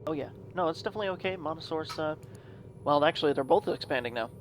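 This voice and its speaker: A man co-casting a live video game match, enthusiastic and quick to laugh. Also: on the high side, slight background noise. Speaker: esports co-caster.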